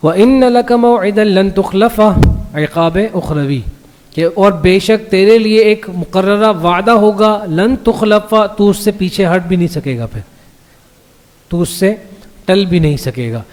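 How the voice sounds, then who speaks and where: A man teaching a class on the Quran in a mosque. He reads each verse slowly, explains it, and keeps checking that his listeners follow. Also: high voice, a little mellow. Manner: recites the Arabic verses slowly before translating them. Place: mosque hall. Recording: long reverb of a mosque hall.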